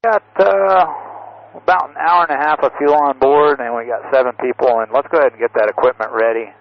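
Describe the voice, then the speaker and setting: A man, an airline pilot, making clipped, calm radio calls to the tower through his cockpit headset. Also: medium pitch, a little fast. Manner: clipped radio phrasing, calm under pressure. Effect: pilot radio call through a cockpit headset. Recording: muffled air-band radio with faint hiss.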